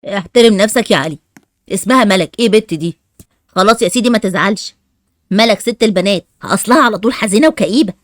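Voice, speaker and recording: A woman's voice: medium pitch, no echo, clean studio sound, close to an everyday voice. A woman with an Egyptian accent voicing a caring but scolding old grandmother in a Roblox family drama, lecturing the children. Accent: Egyptian Arabic. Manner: fast, lecturing.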